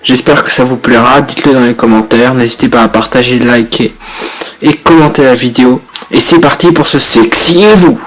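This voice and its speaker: A man's voice: medium pitch, normal speed, rough recording. A young man from France giving laid-back, rambling commentary with blunt, slangy jokes and lots of fillers. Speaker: YouTuber reacting to statements. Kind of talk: casual crude commentary.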